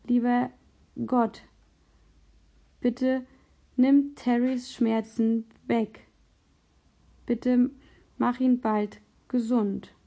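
A thoughtful young boy speaks gently and earnestly, with a warm, mellow tone that sits fairly high, as a woman reads him aloud. His words are calm, a little halting, in a storybook reading. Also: exaggerated voice.

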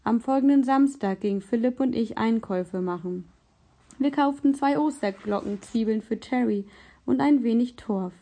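Warm-toned woman narrating a story. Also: a little high, moderate pace.

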